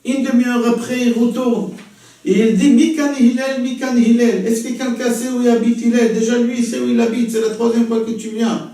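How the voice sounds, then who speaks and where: A man tells a story during a lesson on the weekly Torah portion, circling back over his phrases. His voice sits fairly high with a mellow tone. The sound is very echoey and distant from the mic. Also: brisk. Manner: lively storytelling, repeats phrases. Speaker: religious teacher. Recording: very echoey room, far from mic.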